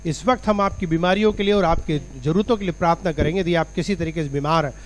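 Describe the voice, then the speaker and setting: A male pastor leading a forceful healing prayer, rebuking sickness and calling people to faith. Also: a little high, fairly even intonation, fast. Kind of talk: Hindi prayer and altar call. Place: church.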